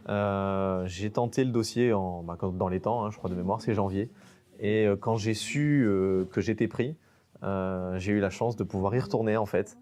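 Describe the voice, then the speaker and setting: A man with a fairly low voice, from French Guiana, speaks about his photographs in a relaxed festival interview. He hesitates often, filling gaps and restarting his phrases as he goes. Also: normal speed. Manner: hesitant, many fillers and restarts. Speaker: nature photographer exhibiting.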